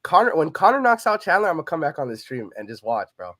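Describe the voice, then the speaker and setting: A man co-hosting a combat sports podcast, arguing loudly and trash-talking, repeating his words as he pushes his point. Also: fairly high pitch, fast talker, background noise. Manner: loud, animated, repeats himself, trash-talking. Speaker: podcast co-host. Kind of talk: heated sports debate.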